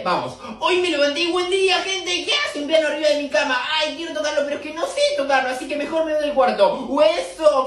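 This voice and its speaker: Excitable young Argentine man, very high voice. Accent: Argentine Spanish. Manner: high-pitched, excitable, frequent yelps and laughs. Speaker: comedy video creator. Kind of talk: comic skit narration.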